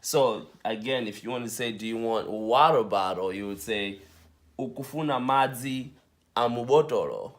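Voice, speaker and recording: A man with a fairly low voice gives a relaxed language lesson. He says each new word slowly, several times over, and spells some of them out letter by letter. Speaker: language teacher.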